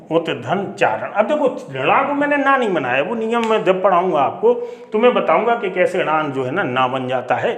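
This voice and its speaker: A man's voice: a little high, reverberant. A man teaching Hindi grammar, explaining step by step, repeating words and asking rhetorical questions. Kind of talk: classroom lesson.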